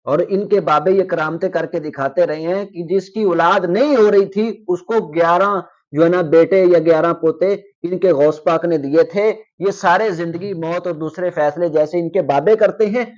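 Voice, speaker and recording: A man's voice: sits high, few pauses, lo-fi sound. A man hosting critical religious commentary, speaking in an indignant, rebuking way. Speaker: host.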